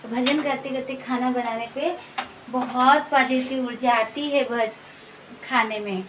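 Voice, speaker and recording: A woman with a fairly high voice talks very slowly and chattily to her viewers while she cooks. She is recorded on a phone in a home kitchen that rings with echo. Steady household noise sits behind her. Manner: chatty, addresses viewers as guys. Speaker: home vlogger. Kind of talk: casual cooking vlog. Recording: echoey kitchen with background noise.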